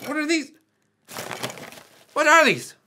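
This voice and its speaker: An actor playing a goofy, excitable male Scottish rapper in a kids' cartoon, with a Scottish accent and loud bouncy exclamations. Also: very high-pitched, takes it slowly, a little hiss or hum, exaggerated voice. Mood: excited. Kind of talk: cartoon sketch for kids.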